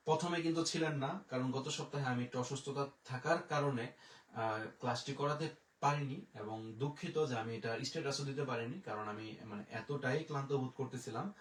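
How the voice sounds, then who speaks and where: A man teaching French in a live online lesson, spelling words letter by letter and repeating each one slowly, speaking from a distance as he writes on a board. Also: mid-range voice. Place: room, writing on a board away from the mic. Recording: roomy echo, voice from far off.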